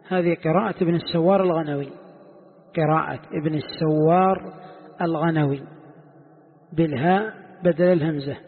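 A sheikh teaching a classroom lesson, quizzing his students and slowly repeating the key points. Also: a little high, breathy edge. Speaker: sheikh teaching Quran commentary. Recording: echoey hall, tinny phone-like sound.

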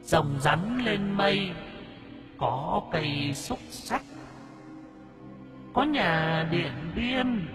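Ghost children, sung by a man, eerie slow sing-song, high, swooping wildly, distant over music. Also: exaggerated voice.

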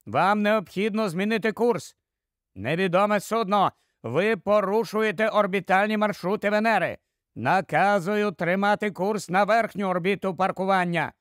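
Urgent and commanding, this male patrol dispatcher , as a man reading the story puts him on, barks orders over the radio in a raised, higher voice. The sound is dry and close, with no room around it. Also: fairly bright tone, dry recording.

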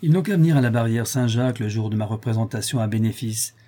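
Un homme lisant à voix haute prête sa voix à un forçat endurci et fanfaron, à la bravade sauvage. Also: male voice, lowish voice, fast, warm tone, lightly acted. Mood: mocking. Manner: swaggering, boastful. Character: boastful hardened male convict, savage bravado.

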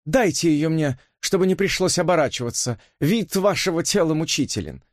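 A man reads an audiobook in a slightly high voice with lively intonation at a moderate pace, lightly acting as a flippant, mocking young woman who drawls her words. His voice is pushed up and sounds drawling and teasing. The recording is dry and of studio quality.

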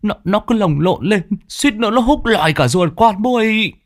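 A man's voice: very high voice, fairly even intonation, normal speed, fairly bright tone, pitched above the performer's own voice. A man voicing a frightened young village boy who stammers and pleads. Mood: panicked.

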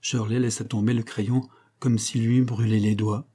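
A man's voice: mid-range voice, level tone, normal speed, mellow, husky. A man narrating a classic novel as an audiobook in a solemn, declamatory manner.

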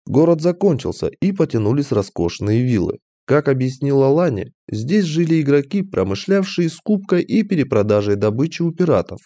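A man reading a fantasy audiobook aloud as first-person narration, in an animated, expressive manner. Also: mid-range voice, moderate pace, few pauses.

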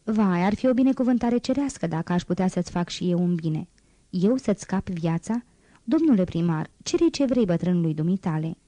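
A woman's voice: fairly low pitch, animated, warm tone, no echo, close to an everyday voice. A woman reading aloud and voicing a cheerful, devoted old male gardener in a raised, chatty voice.

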